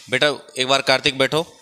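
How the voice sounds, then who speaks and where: A man's voice: mid-range voice, gravelly, sharp tone. A man teaching a class of small children, calling pupils up by name and coaxing them through each worksheet. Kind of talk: classroom lesson.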